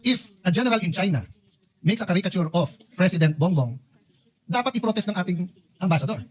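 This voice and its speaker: A man's voice: sits high, animated, a little fast, breathy edge. A man speaking in a senate debate, argumentative and insistent.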